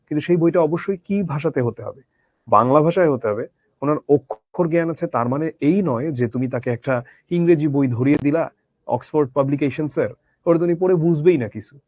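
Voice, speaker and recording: A man's voice: on the high side, a little mellow, no room sound. Man lecturing, dry and close. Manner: conversational, addresses students directly, rhetorical questions. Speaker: teacher. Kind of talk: Bangla literature lecture.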